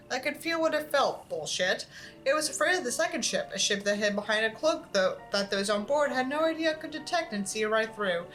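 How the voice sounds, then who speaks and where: An online creator with a fairly high, somewhat bright voice reads a book aloud. Her manner is irreverent and exasperated, punctuated by casual, sweary asides.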